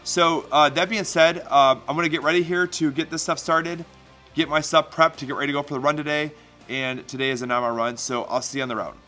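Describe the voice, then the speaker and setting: A man's voice: on the high side, fairly even intonation, fast talker, bright, forceful tone, soft background music. A man talking casually as a fitness vlogger, explaining things in an instructive way and checking in with listeners. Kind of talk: casual explanatory vlog talk.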